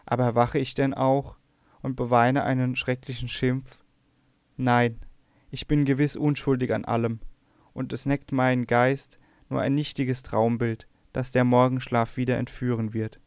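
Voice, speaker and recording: A man reading a classic myth aloud as scripted audiobook narration, in an even, measured way. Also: medium pitch, smooth, no echo. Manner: even, measured reading, lifting the quoted speech slightly. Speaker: audiobook reader.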